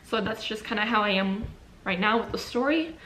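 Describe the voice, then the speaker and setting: A young adult woman vlogs from home, indoors by a window, talking casually to the camera between bites of a sandwich. Her voice is medium-pitched, expressive, brisk and fairly bright, and she rambles with lots of "likes" and restarts.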